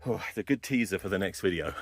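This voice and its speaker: In this casual self-shot vlog, a low-voiced man talks fast and animatedly as he climbs a cliffside staircase, cursing and muttering nervously to himself in a worked-up growl. Slight background noise comes through the phone camera, which he sometimes tucks in his pocket.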